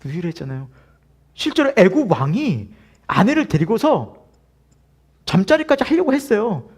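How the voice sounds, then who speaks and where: Man, pastor, sermon, high voice, very lively pitch, animated, acts out inner voices. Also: normal speed, breathy edge. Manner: animated, swings from loud laughing asides to hushed earnest lines; acts out inner voices and short quoted lines.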